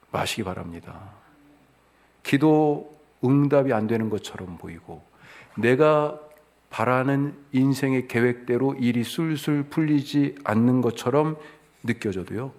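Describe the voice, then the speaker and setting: A middle-aged man, a pastor, preaching a sermon. He asks the congregation rhetorical questions and swings between hushed, quiet lines and loud, emphatic ones. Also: medium pitch.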